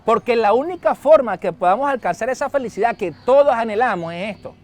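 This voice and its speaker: A middle-aged Venezuelan pastor preaching with a high, bright-toned voice. He tells stories in an animated way and raises his voice sharply when he acts out a scene. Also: fairly quick. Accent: Venezuelan Spanish. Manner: storytelling, animated, shouts when acting out a scene. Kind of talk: sermon.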